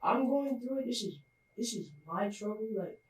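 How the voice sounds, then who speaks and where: A woman's voice: a little high, lively intonation, normal speed, darkish tone. A young woman co-hosting a podcast, talking in a loose, casual way full of "like" fillers. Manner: loose, filler-heavy, "like" everywhere. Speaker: podcast co-host. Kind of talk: casual chat. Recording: roomy echo, distant mic.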